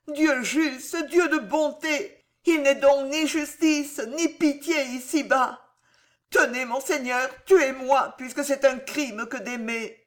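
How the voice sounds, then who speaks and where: A woman's voice: high-pitched, voice pushed up. A woman voicing a desperate young noblewoman who begs and sobs for mercy in an audiobook reading. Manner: frantic, sobbing pleas. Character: desperate young noblewoman, pleading wife and mother.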